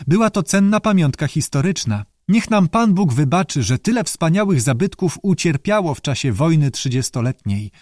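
A man's voice: on the high side, sing-song, normal speed, hardly any pauses, darkish tone, no echo, clean studio sound, pitched above the performer's own voice. A man voicing a courteous, bookish male newt who speaks earnestly and formally in an audiobook. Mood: courteous, eager. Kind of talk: audiobook character voice.

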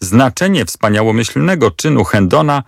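A man narrating an audiobook in a measured, expressive storytelling manner. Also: medium pitch, vocal fry, no room sound, clean studio sound.

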